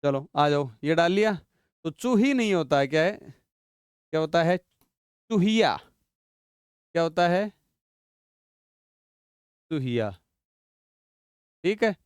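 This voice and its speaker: Clear-voiced man teaching a grammar class. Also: a little high, expressive, no echo, clean studio sound. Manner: drills words by repeating them slowly, quizzes students. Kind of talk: online exam-prep grammar class.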